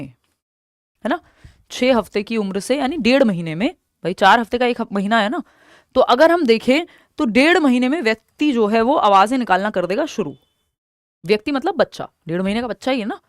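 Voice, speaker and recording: A young woman with an Indian accent gives an exam-prep lesson in a fairly high voice, recorded dry with studio quality. She walks through the material step by step, says key terms slowly and repeatedly, and poses questions she then answers herself.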